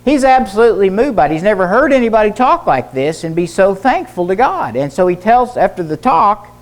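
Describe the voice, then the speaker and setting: A man's voice: sits high, very animated, fairly quick. A middle-aged man, a pastor and former doctor, preaching a sermon in a church service, telling stories earnestly and repeating key phrases for emphasis. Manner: earnest storytelling with emphatic repetition. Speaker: pastor and teacher, former physician.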